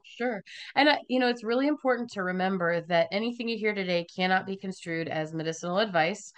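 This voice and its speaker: A woman's voice: mid-range voice, brisk. A woman hosting a podcast interview, chatty and emphatic as she tells stories and gives warnings. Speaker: podcast host.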